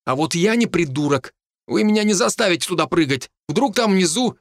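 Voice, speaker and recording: A man voicing a nervous, bespectacled teenage boy who talks in a high, whiny, panicky way. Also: lively intonation, brisk, fairly bright tone, no echo, studio quality. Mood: panicky whine.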